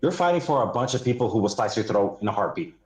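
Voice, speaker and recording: A man's voice: fairly low pitch, very animated, quick pace, darkish tone, reverberant, poor audio. A US-raised man of Somali background making a blunt argument on a debate panel, stopping often with "uh". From United States, Somali family. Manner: hesitant, many "uh"s, blunt. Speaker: panel caller.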